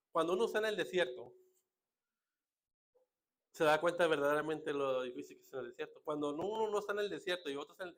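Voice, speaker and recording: A man's voice: a little high, fairly bright tone. A man with a northern Mexican accent preaching a sermon as a pastor, in a casual, joking way full of rhetorical asides. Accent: northern Mexican Spanish.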